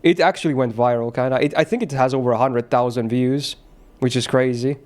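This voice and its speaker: A man's voice: mid-range voice, steady tone, brisk, darkish tone. A male streamer chatting casually with his viewers, loose and rambling, often laughing and swearing.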